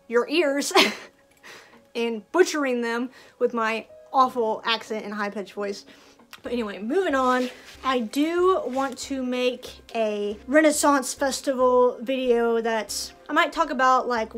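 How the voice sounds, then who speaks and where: A young woman talking casually in a vlog, chatty and full of fillers, her voice a bit tired. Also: fairly high pitch. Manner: chatty, lots of "like", frequent laughs. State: voice tired from projecting. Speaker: festival cast member vlogger.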